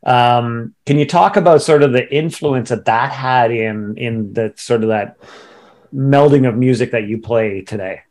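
A man working as an interviewer, feeling his way into questions in a casual, halting manner. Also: mid-range voice, darkish tone.

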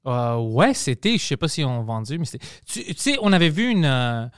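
A man's voice: medium pitch, big pitch swings, moderate pace, clear, resonant tone, no echo, clean studio sound. A young man with a Greek accent hosting a podcast in casual, playful chat, laughing often. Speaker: podcast host.

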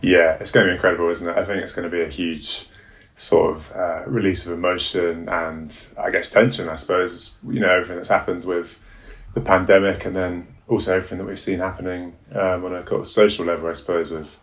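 A man's voice: sits low, flat delivery, a little fast. A man giving interview answers as a guest editor, thoughtful and hedging.

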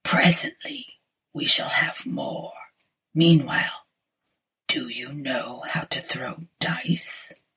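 Give me a woman playing a sinister pale man in a storybook, whispering low and slow, very husky. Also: sing-song, full character voice. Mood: cold whisper. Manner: hushed whisper, slow and deliberate. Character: pale sinister male stranger, cold, whispering.

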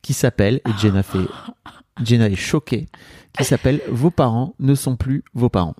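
A man's voice: mid-range voice, moderate pace, warm tone, dry recording, studio quality. A man hosting a podcast in casual French chat, jokey and loose, with many fillers. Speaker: podcast host.

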